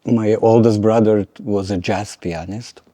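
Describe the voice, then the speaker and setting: An older man, a violin teacher talking in a measured way, pausing to search for words and making dry jokes. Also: lowish voice, fairly even intonation, mellow, dry recording. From Lithuania. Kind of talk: conversational interview.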